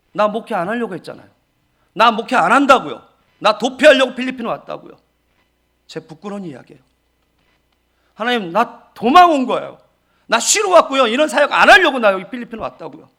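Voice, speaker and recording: A man's voice: high-pitched, fairly bright tone. A male pastor preaching a sermon as an emotional storyteller, often putting questions to his listeners. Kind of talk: sermon with personal testimony.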